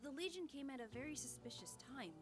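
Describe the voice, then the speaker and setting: A woman's voice: high-pitched, expressive, quick pace, over loud music. A woman voicing an earnest young security guard in a video game, dutiful and a little downcast. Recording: game audio with soundtrack behind.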